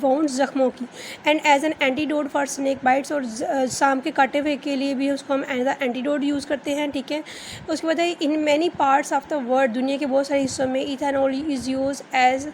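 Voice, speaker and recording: High-voiced Pakistani woman teaching chemistry. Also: a little hiss or hum. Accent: Pakistani Urdu. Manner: reads English lines slowly, then explains in Urdu; frequent fillers and "theek hai" check-ins. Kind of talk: recorded classroom lecture.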